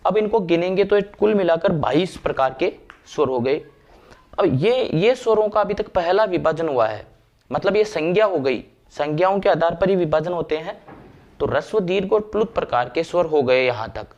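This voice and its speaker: A man explaining grammar step by step, slowing down to recite verses and sounds. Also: on the high side, lively intonation, a little mellow, muffled recording. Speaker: Sanskrit grammar teacher. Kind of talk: classroom lecture.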